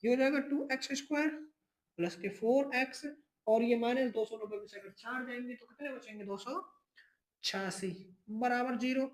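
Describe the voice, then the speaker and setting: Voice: mid-range voice, moderate pace, rough recording. A math teacher giving a step-by-step exam lesson, speaking to the students as children, restating each step and checking in often. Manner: addresses students as children, keeps checking in with "ठीक है".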